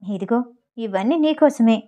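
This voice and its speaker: A woman's voice: on the high side, expressive, unhurried, warm tone. A woman voicing a young husband in an audio novel, reading his lines in a teasing, coaxing manner. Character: young husband, possessive and playful.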